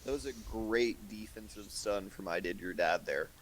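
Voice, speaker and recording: A man giving measured, analytical co-commentary on a live video game match. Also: fairly low pitch. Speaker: esports co-commentator.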